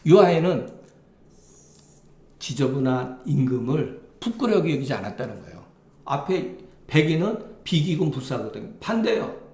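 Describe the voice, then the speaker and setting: A man's voice: medium pitch, big pitch swings, normal speed, a little mellow, echoey room. A man lecturing on a classical Chinese text, reading lines aloud and then glossing them plainly, with frequent affirming asides. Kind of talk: explaining a classical text line by line.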